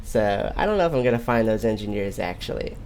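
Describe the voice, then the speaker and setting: A man's voice: fairly low pitch, lively intonation, fast talker. A man giving casual, rambling commentary as he streams a video game, musing aloud. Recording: clear game noise behind.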